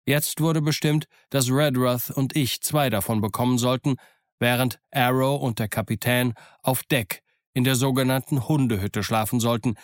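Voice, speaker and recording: A man reading a novel aloud as an audiobook narrator, in steady storytelling. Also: mid-range voice, dry recording, clean studio sound.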